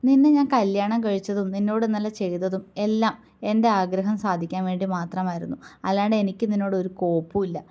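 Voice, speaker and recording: A woman's voice: mid-range voice, fairly even intonation, a little fast, warm tone, highs cut off, close to an everyday voice. A woman reading a story aloud, voicing a proud young husband who scolds his wife with a raised voice. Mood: scornful.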